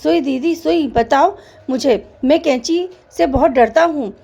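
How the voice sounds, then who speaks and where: A woman's voice: sits high, measured pace, gravelly, warm tone, lo-fi sound, voice pushed up. A woman voicing a proud, boastful boy who is a sewing thread in a children's story, bragging in a singsong way. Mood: meek. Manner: boastful, singsong self-praise.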